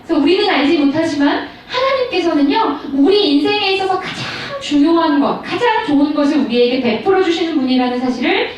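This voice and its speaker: A woman pastor in her thirties giving a storytelling sermon to high school students, speaking directly to her listeners. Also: a little fast, hardly any pauses. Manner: storytelling, animated, addresses audience directly. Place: large school hall. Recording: echoey hall, mic far off, faint noise.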